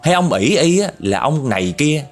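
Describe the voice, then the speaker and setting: A man's voice: sing-song, normal speed. A man playing a fed-up young man who angrily scolds a ghost. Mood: scolding. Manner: angry, scolding, higher and louder.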